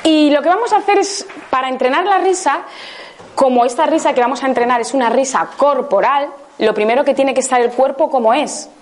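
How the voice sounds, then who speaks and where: A woman's voice: high voice, brisk, slight background noise. A woman from Spain with a Spain Spanish accent, leading a live laughter workshop, coaxing the group with questions and bursts of laughter. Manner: bursts into laughter exercises, loud "ja" calls.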